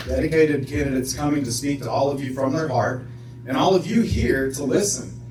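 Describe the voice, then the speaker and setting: Candidate speech, a man, steady and earnest, echoey room, far off the mic. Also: on the high side, slight background noise. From Southern West Virginia. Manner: earnest, steady public speaking with occasional fillers. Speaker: judicial candidate. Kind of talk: campaign speech. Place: visitors center meeting room.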